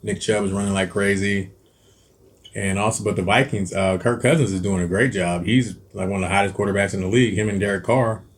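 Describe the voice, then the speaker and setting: A man with a fairly low, steady voice talks a little fast as he hosts a cooking channel. He chats casually about football picks while eating, rambling and hesitant, full of ums, restarts and self-corrections.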